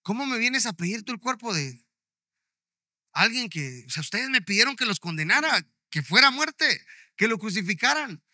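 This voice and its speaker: A man's voice: high voice, big pitch swings, normal speed, sharp tone, no echo, clean studio sound, full character voice. A man doing a scornful Pilate. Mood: reproachful. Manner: sneering, reproachful. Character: scornful Roman governor Pilate, grown man.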